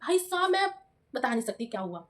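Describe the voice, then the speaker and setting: A young woman vlogger tells a story from her own life in a high, bright voice and at a quick clip. She is chatty and animated, and she keeps addressing her viewers casually as she talks.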